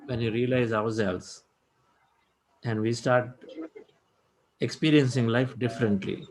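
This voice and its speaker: A man's voice: medium pitch, steady tone, unhurried, rough recording. Encouraging man hosting meditation. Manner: reflective, encouraging, loose and repetitive phrasing. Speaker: meditation session host. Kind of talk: spiritual talk and hosting.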